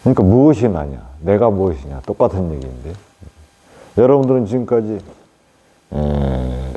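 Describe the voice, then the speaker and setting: Male monk, deep low voice, husky, lively pitch, unhurried talk with fillers. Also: highs cut off. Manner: unhurried, plain explaining, frequent fillers and tag questions. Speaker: Buddhist monk teaching meditation. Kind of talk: dharma talk to lay practitioners.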